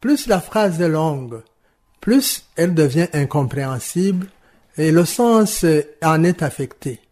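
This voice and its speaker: A man explaining French rhythm and stress to teachers in a slow, measured, didactic way, answering interview questions. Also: a little high, big pitch swings, a little mellow. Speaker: language teaching expert.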